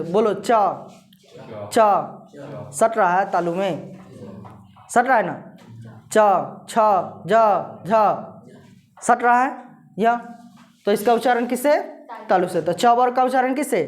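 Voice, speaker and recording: A woman teaching a grammar lesson, asking questions and answering them herself. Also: on the high side.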